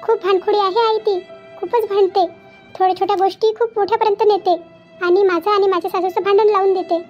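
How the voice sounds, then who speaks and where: A woman's voice: extremely high pitch, steady tone. Woman voicing a hesitant young cartoon daughter. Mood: troubled. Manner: hesitant, pleading, halting restarts. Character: young married daughter, troubled and tearful. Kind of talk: Marathi cartoon voice acting. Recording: dull lo-fi with faint background music.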